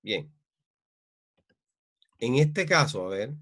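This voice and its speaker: A man teaching an online grammar class, speaking in a halting way with many fillers and repeated checks for understanding. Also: mid-range voice, big pitch swings, a bit bright, slightly rough.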